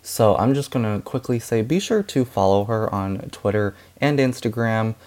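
A man hosting a podcast and wrapping up the episode in a relaxed, chatty way with lots of fillers and laughs. He says he is losing his voice. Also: lowish voice, moderate pace. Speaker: podcast host. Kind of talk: casual podcast chat and outro.

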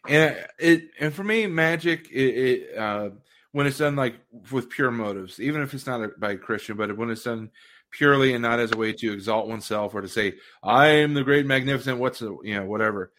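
A man's voice: mid-range voice, brisk, a bit bright. Thoughtful man hosting a faith chat. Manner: thoughtful, reflective. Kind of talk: casual faith conversation.

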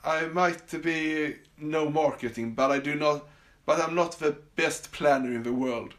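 With a slightly high, fairly bright voice at a measured pace, a Swedish podcast host talks alone from his summer house. His Swedish accent comes through as he rambles casually with many fillers and restarts.

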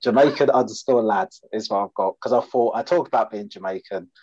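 Fairly low in pitch and fairly quick, this comedian from Essex, England speaks with a local accent while chatting on a podcast. He pokes fun at himself with jokes; his tone is darkish, and the dry recording lacks top end.

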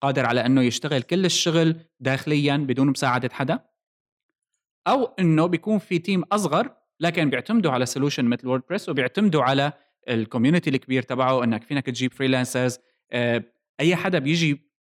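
A man's voice: medium pitch, rapid-fire. A man with a Levantine Arabic accent hosting a casual tech discussion, explaining things and dropping in English technical terms. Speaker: podcast host.

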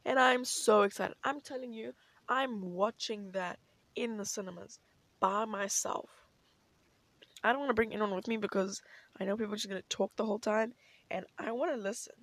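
A woman's voice: medium pitch, normal speed, a bit bright, no room sound. A young woman chatting casually as a solo podcast host in a bubbly, gushing, girlish way, peppering her talk with filler words.

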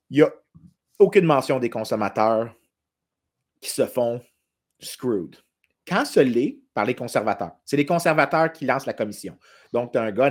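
Homme québécois qui explique avec entrain. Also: male voice, medium pitch. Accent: Québécois French. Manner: animated explaining, quotes in English. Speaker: podcast co-host, economist. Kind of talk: casual chat.

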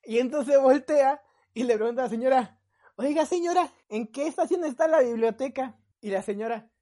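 Brief: young Mexican woman, podcast co-host, chatty storyteller who acts out quotes, voice a bit high. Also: brisk. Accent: Mexican Spanish. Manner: animated, acts out friends' lines. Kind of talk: casual storytelling chat.

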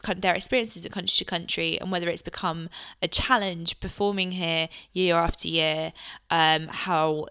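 A woman's voice: fairly low pitch, steady tone, moderate pace, pushed and bright, clear, resonant tone. A British woman hosting a show, talking casually and informally between interviews. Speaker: show host.

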